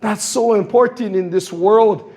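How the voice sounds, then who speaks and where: In a public meeting hall, a man in his sixties from Guam makes impassioned comments at a forum, telling stories and acting out quoted voices. He has a high, a little mellow voice and speaks at a measured pace.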